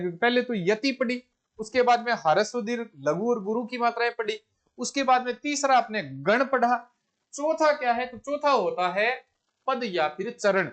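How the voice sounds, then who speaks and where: Male tutor, high voice, exam-prep lesson, repeats each question before answering. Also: a bit bright, highs cut off. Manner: corrects himself mid-sentence. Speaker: teacher.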